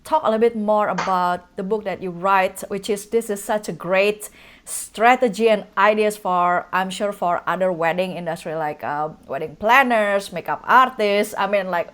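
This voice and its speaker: Woman host, effusive and eager, mid-pitched everyday voice. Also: normal speed, a bit bright. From Indonesia. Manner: effusive, enthusiastic, hesitant phrasing. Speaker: podcast host. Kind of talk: casual interview conversation.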